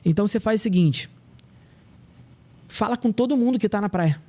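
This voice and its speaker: Man playing a fond, teasing Bahian beach-vendor father; Bahian accent, raised pitch. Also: normal speed, warm tone. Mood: affectionate teasing. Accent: Bahian Portuguese.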